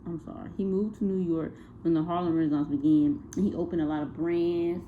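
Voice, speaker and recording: A woman's voice: lowish voice, fairly even intonation, fairly quick. A young woman giving a casual spoken class presentation on a music project, hesitant, with many fillers and self-corrections. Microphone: phone. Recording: tinny phone-like recording with faint noise.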